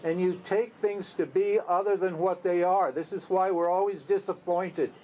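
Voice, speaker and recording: A man with a fairly high voice teaches a group in a loose, conversational way. He asks rhetorical questions and now and then laughs at his own lines. A faint hiss of noise sits under his voice. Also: fairly even intonation, normal speed, mellow, dull audio. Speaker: spiritual teacher. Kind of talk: informal spiritual talk to a group.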